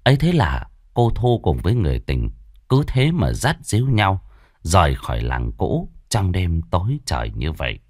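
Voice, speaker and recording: A man narrating a ghost story in a measured, expressive way. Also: sits low, no room sound, studio quality.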